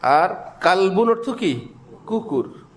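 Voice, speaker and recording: A man's voice: high-pitched, lively intonation, slow pace. A man preaching a sermon, teaching by asking questions and answering them himself. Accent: Bangladeshi Bengali. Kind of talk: Islamic sermon.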